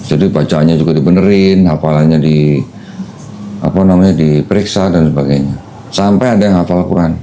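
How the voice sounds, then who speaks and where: A man's voice: low-pitched, fairly even intonation, fairly quick, warm tone, slight background noise. A man hosting a casual podcast chat, patiently explaining things step by step to a new convert. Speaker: host explaining Islam to a convert.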